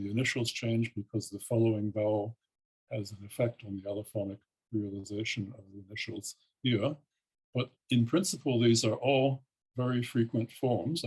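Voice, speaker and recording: An older man giving an academic keynote lecture, explaining in a measured way with frequent pauses and ums. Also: lowish voice, a little mellow, breathy edge, rough recording. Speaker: keynote speaker, linguistics professor.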